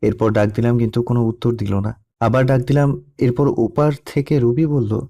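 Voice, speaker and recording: A young man narrating a first-person love story in a soft, melancholy storytelling manner. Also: medium pitch, steady tone, normal speed. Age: young adult.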